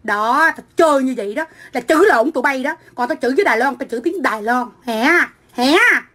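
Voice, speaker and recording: A woman's voice: sits high, lively intonation, fairly quick. A middle-aged woman from Vietnam, delivering a profane, combative livestream rant into a phone. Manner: profane, combative, shouting insults.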